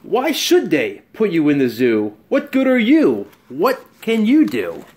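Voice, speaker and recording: A middle-aged man giving an expressive children's storybook read-aloud at home. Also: sits high, a little slow. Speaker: storybook reader. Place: small bright room at home.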